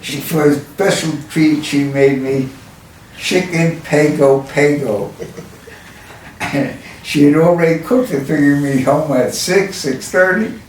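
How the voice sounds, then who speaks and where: Older guy from new york telling old stories, real slow, echoey room far from the mic. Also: a little high, darkish tone, slight background noise. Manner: slow, halting, chuckles often. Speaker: interviewee. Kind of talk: reminiscing storytelling.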